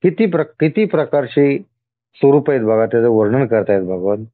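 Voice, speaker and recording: A man slowly explaining a devotional scripture, going through long lists of terms one by one and glossing them. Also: mid-range voice, animated, no echo. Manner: slow listing cadence, explaining each term. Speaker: spiritual discourse speaker. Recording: tinny phone-like sound.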